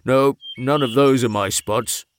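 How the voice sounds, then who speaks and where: A man voicing an excitable young male dog with spots in a storybook, speaking in a bouncy, eager way. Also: mid-range voice, unhurried, a little hiss or hum, natural voice. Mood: cheerful.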